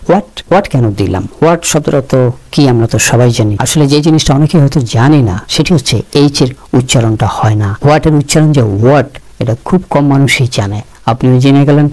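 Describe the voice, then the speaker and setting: A man's voice: medium pitch, darkish tone, rough recording. A man teaching English vocabulary. He repeats each word and its meaning and answers his own questions. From Bangladesh. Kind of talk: vocabulary lesson explaining meanings.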